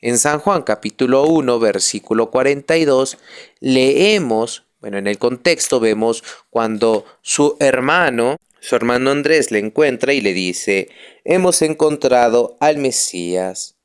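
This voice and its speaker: Slow, smooth-voiced friar teaching catechism. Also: male voice, medium pitch, expressive. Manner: emphatic, repeats phrases, leans on key words. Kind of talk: catechism video lecture.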